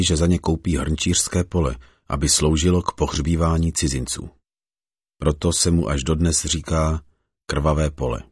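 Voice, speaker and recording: A man reads scripture in a measured, solemn way. His voice sits extremely low and comes out husky, and the recording is dry with no room sound. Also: darkish tone, dry recording. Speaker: scripture reader.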